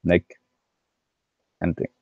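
A man's voice: takes it slowly, dark tone, no echo. A man moderating a panel over a video call, brief and polite, calling on panelists by name. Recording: dull, dry video call audio.

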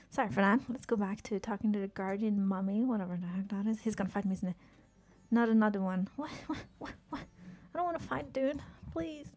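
A woman's voice: mid-range voice, darkish tone. Chatty, swearing woman streamer. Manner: chatty, swears often, quick exclamations and giggles. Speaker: game streamer. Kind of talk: casual live-stream commentary while playing.

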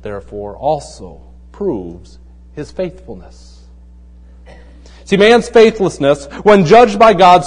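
A man preaching a conversational sermon who asks rhetorical questions and drops into a hushed voice to make his points. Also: high-pitched, in a large hall. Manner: tells jokes in a relaxed storytelling way. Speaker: pastor.

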